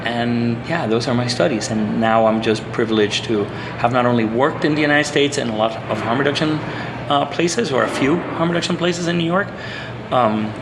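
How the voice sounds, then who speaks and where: In this conversational interview, the guest is a social psychologist from Puerto Rico who talks with real earnestness, frequently starting over and leaning on fillers. His mid-range voice moves at an ordinary pace over background noise.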